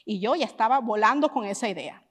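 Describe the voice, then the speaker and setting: A woman preaching a sermon, telling a personal story in an animated way and mixing in English phrases. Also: on the high side, quick pace, in a large hall. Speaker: pastor's wife and preacher.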